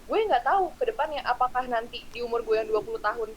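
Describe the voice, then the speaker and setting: Quick-talking 19-year-old woman guest. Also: fairly high pitch, slightly rough, poor audio. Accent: Jakarta slang Indonesian. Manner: quick, earnest, explains her opinions at length. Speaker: podcast guest. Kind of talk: casual chat.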